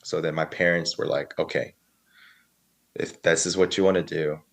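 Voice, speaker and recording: A man's voice: very deep voice, flat delivery, normal speed. A man in his early thirties, a podcast guest telling his story in a casual, rambling way, full of fillers and quoted dialogue. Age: 30s.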